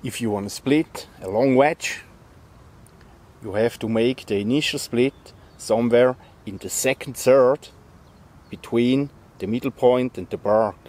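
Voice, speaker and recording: This forest tutorial features a German-native bushcraft instructor giving friendly, plain, stepwise explanations. His voice is medium in pitch and darkish in tone, and he talks a little slowly.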